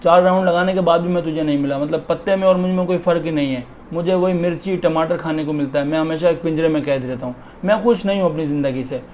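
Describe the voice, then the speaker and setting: Man voicing a snappy caged parrot in a folk tale, exasperated, raised pitch. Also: fast talker, few pauses, a little mellow, slight background noise, natural voice. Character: caged male parrot, irritable.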